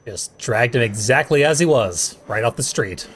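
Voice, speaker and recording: A man's voice: medium pitch, expressive, normal speed, breathy edge. A man giving casual, dryly sarcastic commentary as the host of a video game playthrough. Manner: dry, sarcastic wisecracking. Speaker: let's play host.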